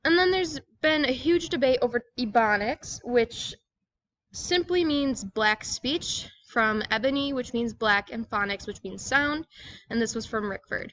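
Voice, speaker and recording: A woman's voice: fairly high pitch, lively intonation, unhurried, a bit bright, dry recording, dull audio. A woman giving a scripted educational presentation, reading aloud in a plain, explanatory manner.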